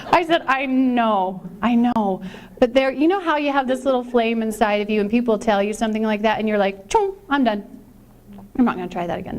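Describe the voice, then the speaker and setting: Chatty woman telling a personal story. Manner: chatty, acts out quoted dialogue with lively pitch jumps. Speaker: conference speaker.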